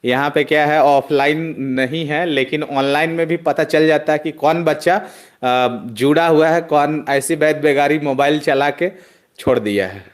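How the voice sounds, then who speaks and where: A man teaching an online chemistry class. He drills students loudly in call-and-response and chides them as he goes. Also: fairly high pitch, fairly even intonation, a little slow.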